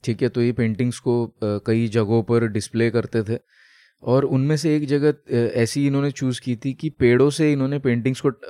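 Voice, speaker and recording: A man's voice: medium pitch, mellow, no echo, clean studio sound. A man co-hosting a casual podcast, explaining at length with many fillers and English phrases mixed in. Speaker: podcast co-host. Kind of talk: casual chat.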